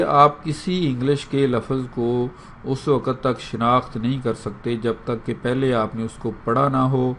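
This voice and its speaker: A man with a Pakistani Urdu accent teaching an English lesson, repeating each English phrase slowly several times for learners to drill. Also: mid-range voice, a little hiss or hum. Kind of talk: spoken language lesson.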